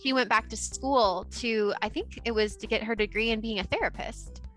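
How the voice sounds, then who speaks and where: A woman's voice: fairly high pitch, normal speed, a bit bright, soft background music. A woman running a tabletop roleplaying game as game master, narrating casually in a playful, giggly manner.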